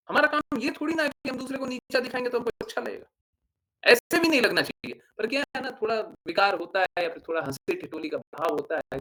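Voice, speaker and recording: A man's voice: high voice, pushed and bright, low-quality recording. A man giving a devotional discourse as a spiritual teacher, explaining with everyday examples, asking rhetorical questions and checking in with his listeners.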